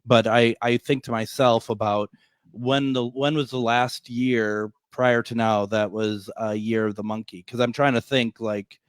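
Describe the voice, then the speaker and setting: A man's voice: mid-range voice, steady tone, measured pace, smooth, no room sound. Man in his fifties hosting radio, rambling and jokey, dry close sound. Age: 50s. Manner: rambling, many restarts, jokey. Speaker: radio show host. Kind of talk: casual interview chat.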